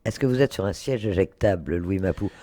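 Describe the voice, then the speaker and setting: A male radio interviewer in a studio who asks brisk, pointed questions and often cuts in. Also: sits low, mellow.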